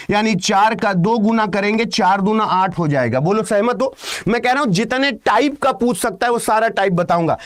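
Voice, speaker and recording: A man with a strikingly high-pitched voice gives an exam-prep reasoning lesson. He talks loudly, stresses his points hard and keeps checking with his students through rhetorical questions. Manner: loud, emphatic, calling out to students with rhetorical questions. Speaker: reasoning teacher.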